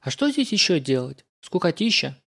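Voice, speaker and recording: Male reader playing an eager, teasing girl apprentice in a fantasy audiobook; voice lifted high and bright. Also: big pitch swings, normal speed, vocal fry, exaggerated voice. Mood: soft. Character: young woman apprentice, lively, curious, impatient.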